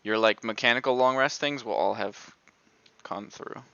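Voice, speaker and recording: Man, game master, bright and crisp voice, loose rambling talk, lo-fi recording. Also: mid-range voice, normal speed, no echo. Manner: rambling, lots of "like". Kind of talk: narrating a tabletop game. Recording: dull lo-fi sound.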